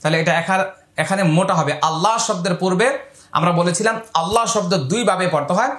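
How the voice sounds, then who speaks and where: A man teaching Quran reading in Bengali, spelling out letters and vowel marks and drawing words out slowly in recitation. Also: high-pitched, a bit bright. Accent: Bangladeshi Bengali. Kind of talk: step-by-step recitation lesson. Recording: echoey room.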